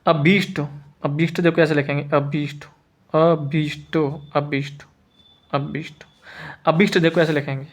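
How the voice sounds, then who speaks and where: Male teacher, a little high-pitched, patient and repetitive, drilling spelling rules. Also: flat delivery. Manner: repeats each word slowly, asks students if they follow. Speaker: Hindi teacher. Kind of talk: spelling lesson.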